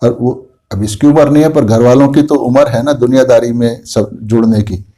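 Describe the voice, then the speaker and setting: A man's voice: mid-range voice, moderate pace, dark tone. A man, a homeopathic doctor, walks through a patient's case in a lecture and retells her words before explaining them.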